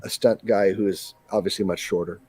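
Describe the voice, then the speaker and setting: A man's voice: deep voice, steady tone, a little fast, a little mellow, breathy edge. A man hosting a casual podcast chat, talking eagerly and in detail, laughing easily.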